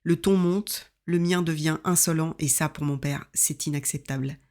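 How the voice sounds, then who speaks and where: Soft-spoken woman in her fifties reading memoir. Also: deep voice, fairly even intonation. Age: 50s. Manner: intimate, reflective, measured. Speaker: author reading her own book.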